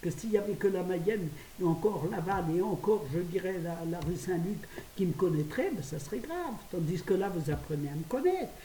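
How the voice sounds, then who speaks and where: An older woman from France chatting quickly to her phone camera at home, laughing at her own stories. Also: on the low side, expressive, dark tone. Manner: fast, chatty, laughing at herself. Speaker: vlogger. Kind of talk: casual chat to camera. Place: her apartment, indoors. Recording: roomy, distant phone audio with faint hiss.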